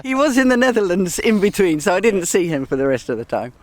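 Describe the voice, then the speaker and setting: Sitting on an outdoor bench as an interview guest, an English woman in her sixties with an English accent makes casual conversation, laughing a lot and teasing herself. Her medium-pitched, darkish voice swings widely in pitch, and she talks fast.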